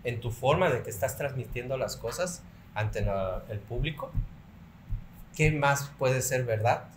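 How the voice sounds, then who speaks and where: A man hosting a podcast interview, supportive of his guest and asking questions calmly. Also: mid-range voice, a little slow. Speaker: podcast host. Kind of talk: casual interview. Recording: roomy echo, faint background noise.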